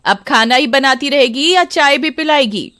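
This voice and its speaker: A woman's voice: high-pitched, normal speed, pushed and bright, dry recording, pitched above the performer's own voice. A woman voicing a greedy, harsh middle-aged mother-in-law who scolds sharply. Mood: scornful.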